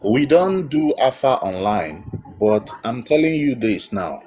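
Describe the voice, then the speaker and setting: A man's voice: medium pitch, big pitch swings, unhurried, mellow, slightly rough. A man giving emphatic, blunt spiritual counsel as host of a live call-in.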